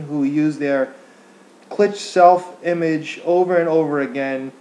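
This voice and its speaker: A man reading a prepared text aloud as a diction exercise, enunciating deliberately and carefully, with occasional stumbles. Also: fairly high pitch, a little mellow. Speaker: acting student reading aloud. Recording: echoey untreated room.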